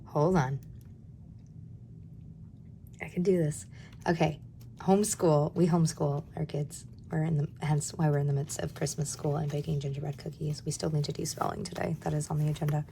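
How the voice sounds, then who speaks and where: Brief: woman, 30s, low and gravelly, hoarse from a cold, casual budgeting chat. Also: little pitch movement, normal speed, dark tone, slight background noise. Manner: candid and chatty, drops to a near-whisper at times. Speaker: budgeting vlogger. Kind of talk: casual chat while stuffing cash envelopes.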